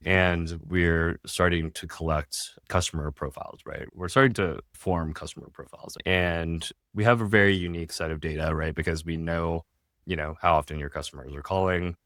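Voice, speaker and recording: A restaurant tech founder appears as a guest on a podcast, talking casually in a low-pitched, fairly bright voice with a steady tone and moderate pace. He explains things steadily with small restarts, often tagging his points with a questioning "right?". The studio-quality recording has no room sound.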